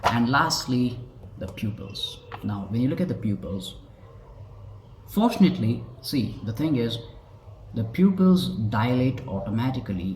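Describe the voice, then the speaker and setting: A man's voice: fairly low pitch, darkish tone, a little hiss or hum. A man gives a casual talk about body language, rambling a little and acting out examples as he goes. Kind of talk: explanatory talk to camera. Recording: echoey room with faint ambience.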